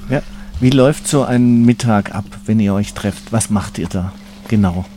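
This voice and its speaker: Man asking encouraging questions, mellow voice. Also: fairly low pitch, normal speed, slight background noise. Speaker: co-host interviewer. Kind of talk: studio interview. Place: radio studio.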